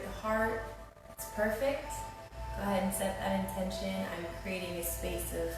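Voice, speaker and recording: A soothing female yoga teacher guides a class with unhurried, gentle instruction. Her mid-pitched voice comes from some distance in a very reverberant room, with music clearly playing behind her.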